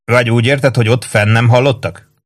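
A man's voice: mid-range voice, steady tone, voice pushed up, lightly acted. A man reading the lines of a stubborn, wary male army deserter in a novel. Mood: insistent. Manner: insistent, defensive.

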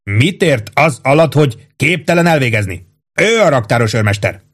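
A man's voice: medium pitch, animated, fairly bright tone, pitched above the performer's own voice. A man reading an audiobook, voicing a pompous, fussy middle-aged army captain with a raised, insistent, self-satisfied voice. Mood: bossy.

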